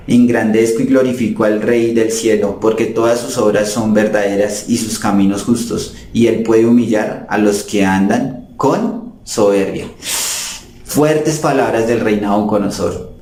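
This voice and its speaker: Male preacher, earnest sermon, dark mellow voice, echoey room. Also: fairly low pitch, steady tone, normal speed. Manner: earnest, addresses listeners as brothers and sisters. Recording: roomy echo.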